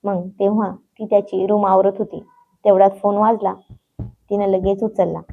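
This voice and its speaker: A woman reading a story aloud in a steady, plain storybook narration. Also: medium pitch, moderate pace. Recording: dull lo-fi sound.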